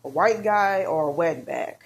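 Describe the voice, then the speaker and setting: A woman reading tarot, talking in a halting, rambling monologue with many fillers and restarts, woozy and out of breath. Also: fairly low pitch. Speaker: tarot reader.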